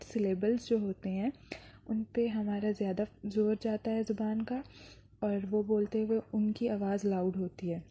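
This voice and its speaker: A woman's voice: medium pitch, mellow, breathy edge. A woman teaching an English lesson, explaining patiently and sounding out words syllable by syllable.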